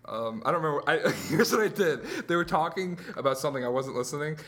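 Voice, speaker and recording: Male podcast co-host, bright, fairly high voice, excitable and profane, casual chat. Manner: quick to react, swears and laughs.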